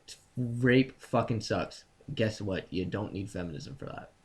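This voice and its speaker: A man's voice: lowish voice, unhurried, breathy edge. Young male podcast host, profane and ranty, home mic on a call. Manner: profane, ranting, reads items off a list. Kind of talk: casual podcast banter.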